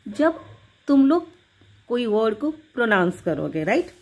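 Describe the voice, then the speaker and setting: A woman teaching an English grammar lesson, explaining slowly and deliberately and switching between Hindi and English. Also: a little high, big pitch swings, darkish tone, slightly rough.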